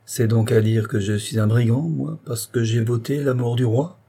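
A man's voice: medium pitch, fairly even intonation, moderate pace, gravelly, dark tone. A man voicing a blunt, vehement revolutionary countryman who argues with rising insistence, pressing question after question. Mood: indignant. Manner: heated, insistent, hammering rhetorical questions.

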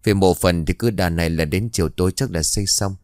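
A man voicing a plain-spoken village builder who reassures calmly in an audio ghost story. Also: low-pitched, brisk, clear, resonant tone, no room sound, clean studio sound, natural voice. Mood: reassuring. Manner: reassuring, matter-of-fact.

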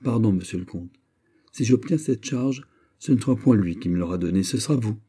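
A man's voice: fairly low pitch, animated, brisk, warm tone, husky. A man reading an audiobook voices a modest young commoner, polite and deferential in manner.

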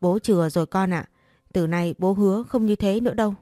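A woman's voice: mid-range voice, fairly quick, warm tone, no echo, clean studio sound, lightly acted. A woman voicing an ashamed older father who begs his daughter for money, speaking hesitantly and stammering. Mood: pleading, ashamed.

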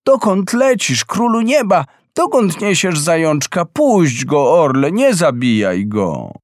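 Man doing a high-voiced tender boy. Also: big pitch swings, measured pace, dry recording, studio quality, exaggerated voice. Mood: pleading. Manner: high, ringing calls. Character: young boy, tender-hearted and pleading.

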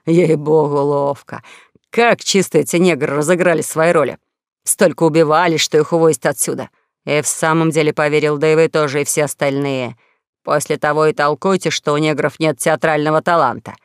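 Woman doing a lowered, sneering con-man duke, sardonic, dry close recording. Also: steady tone, brisk, clean tone, no echo, lightly acted. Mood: mocking. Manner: mocking, sardonic.

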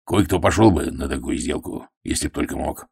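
Man doing a deep gruff hunter guy, awkward, mumbly, cuts it short. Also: darkish tone, exaggerated voice. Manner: halting, awkward, blunt. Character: gruff taciturn middle-aged male big game hunter.

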